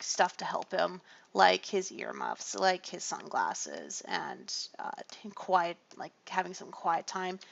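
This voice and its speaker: A streamer chats casually with her livestream viewers while drawing colouring pages, rambling with lots of fillers and little laughs. Her gravelly voice is mid-range and a bit bright, and the recording is muffled.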